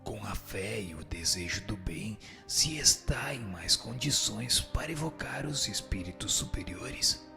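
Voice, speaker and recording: Over background music, a man with a Brazilian accent performs a solemn, instructive spirit in a radio drama, replying formally. He speaks low and creaky at a measured pace, with lively intonation and hardly any pauses.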